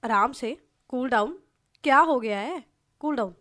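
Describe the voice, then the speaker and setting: A woman voicing a calm young woman who comforts a friend softly and slowly. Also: high-pitched. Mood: soothing. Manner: soft, slow and calming.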